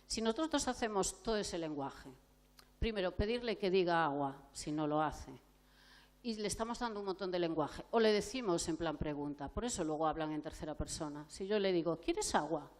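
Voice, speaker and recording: A woman's voice: lowish voice, fairly quick. A woman clinical psychologist from gives a conference lecture, explaining points and asking the audience rhetorical questions. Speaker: clinical psychologist giving a talk.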